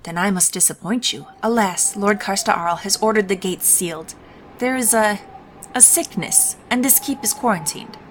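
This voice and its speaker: A woman's voice: mid-range voice, normal speed, a little hiss or hum, lightly acted. A woman voicing a pompous male wizard advisor from a game, with solemn, theatrical, hammy stage delivery, falsely subservient. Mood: grave, evasive. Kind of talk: video game dialogue read-aloud.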